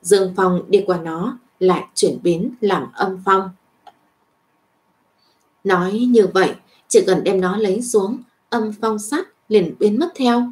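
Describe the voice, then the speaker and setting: A woman reading a web novel aloud as narrator, in an even storytelling voice with small lifts for dialogue. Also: medium pitch, slow pace.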